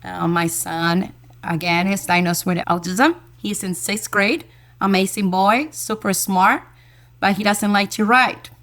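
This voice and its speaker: A woman elementary school teacher, a guest in an interview, telling a story in a lively, enthusiastic way and repeating words as she goes. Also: medium pitch, measured pace. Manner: lively storyteller who acts out quoted dialogue.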